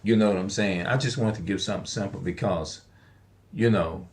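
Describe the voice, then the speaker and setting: A man's voice: low-pitched, a little fast. A man in his forties speaking in an unscripted monologue, emphatic and repetitive, often restarting his sentences and asking rhetorical questions. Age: 40s. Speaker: online video speaker.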